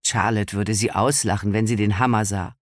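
A man reading a novel aloud as an audiobook narrator, in calm, measured storytelling. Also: lowish voice, dry recording, studio quality. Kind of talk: scripted narration.

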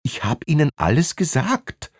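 A man's voice: on the high side, sing-song, normal speed, breathy edge, dry recording, clean studio sound, pitched above the performer's own voice. A man voicing a nervous father caught without a ticket, who stammers and bluffs indignantly. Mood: flustered.

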